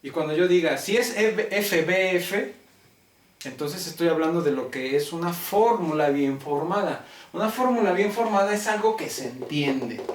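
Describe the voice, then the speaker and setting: A man with a Mexican accent teaching a logic class, talking deliberately and constantly checking that students follow. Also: a little high, animated. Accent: Mexican Spanish. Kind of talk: classroom lecture. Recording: roomy classroom, mic far off.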